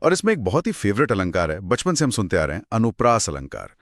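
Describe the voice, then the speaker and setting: Man, curious co-host of an exam lesson; low, animated, enthusiastic. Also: fast talker, dry recording, clean studio sound. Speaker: co-presenter asking questions. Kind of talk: scripted two-voice exam lesson.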